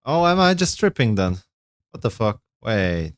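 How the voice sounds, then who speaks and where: Male streamer, off-the-cuff reaction chat, rambling and self-correcting, smooth clear voice, dry close mic. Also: on the high side, big pitch swings, moderate pace, no echo. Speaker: streamer reacting to game lore. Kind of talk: casual livestream reaction chat.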